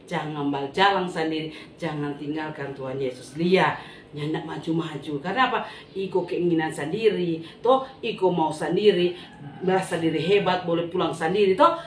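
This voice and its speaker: A woman with a Manado Malay accent, telling a Bible story to children in an animated way and asking them questions. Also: deep voice, a little hiss or hum. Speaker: Sunday school teacher. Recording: echoey room.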